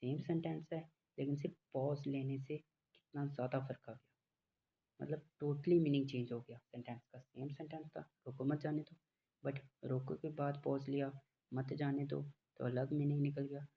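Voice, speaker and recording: A man gives a lecture in a flat, gravelly voice, pausing often with fillers and reading definitions very slowly. The recording is dull and lo-fi, with faint noise behind him. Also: mid-range voice. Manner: explains slowly with many fillers, reads English lines very slowly. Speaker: teacher. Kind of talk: classroom lecture.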